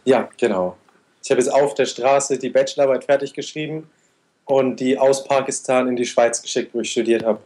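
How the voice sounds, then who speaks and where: Being interviewed about his motorcycle travels, this man in his twenties gives long, detailed answers in a steady manner. His voice is medium-pitched and darkish in tone, with fairly even intonation and a moderate pace.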